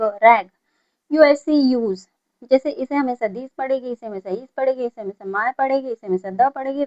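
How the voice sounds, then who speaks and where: Woman teacher spelling words out slowly. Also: a little high, darkish tone, lo-fi sound. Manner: slow, spells out letters and repeats each word; asks questions then answers them herself. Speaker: English teacher. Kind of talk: classroom phonics lesson.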